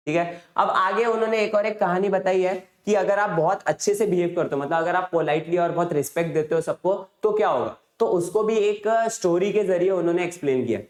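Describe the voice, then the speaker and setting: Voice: medium pitch, fairly quick, hardly any pauses. A teacher giving an exam revision lesson, retelling a chapter's story in a conversational way with frequent rhetorical questions. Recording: roomy echo.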